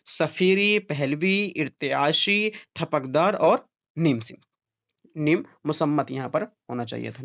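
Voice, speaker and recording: A young man teaching an exam-prep class in a slightly raised voice. He moves through the material one step at a time and keeps pausing to check that his students are following. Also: a little high, clean tone. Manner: explains step by step, keeps checking in with "theek hai".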